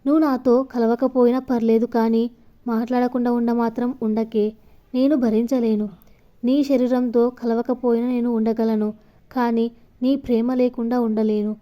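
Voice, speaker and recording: A woman's voice: on the high side, flat delivery, moderate pace, mellow, lightly acted. A woman voicing a devoted young man who pleads earnestly and tenderly with the woman he loves. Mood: pleading.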